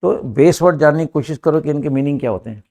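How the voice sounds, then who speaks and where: Older Indian-accented male teacher, gravelly, emphatic, rhetorical, heard from across a classroom. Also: on the high side, fast talker, warm tone. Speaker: English teacher. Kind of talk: classroom lesson.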